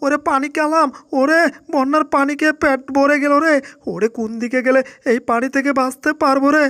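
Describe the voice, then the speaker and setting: A boastful cartoon tomcat played by a woman with a very high voice. He is quick to panic and speaks in exclamations, in the style of a dubbed cartoon. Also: fairly even intonation, a bit bright. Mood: panicked. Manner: rhyming boasts, exclamatory wailing. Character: boastful, easily panicked male cartoon cat. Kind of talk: Bangla cartoon dub.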